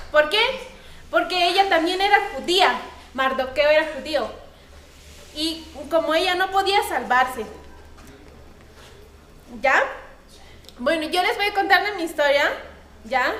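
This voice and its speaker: A woman from Bolivia teaching children at church, telling stories in an animated way, acting out voices and asking the children questions. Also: very high voice. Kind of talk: storytelling to children. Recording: echoey room.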